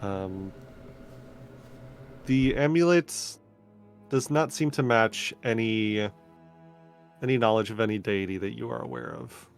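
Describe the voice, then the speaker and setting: A man acting as game master, narrating a tabletop game in a measured way with frequent fillers. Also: mid-range voice, creaky, soft background music.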